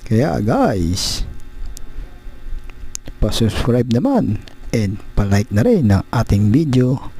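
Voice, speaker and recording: A man's voice: mid-range voice, big pitch swings, measured pace, mellow, husky. A man with a Filipino accent presenting a casual food vlog, exclaiming and repeating short catchphrases, mixing in some English. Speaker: mukbang vlogger.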